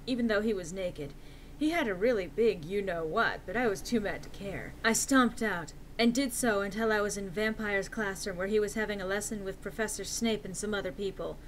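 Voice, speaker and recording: A woman's voice: mid-range voice, normal speed, slight background noise, rough recording. A woman giving a dramatic reading of fan fiction with the theatrical delivery of a hammy stage actor. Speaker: reader.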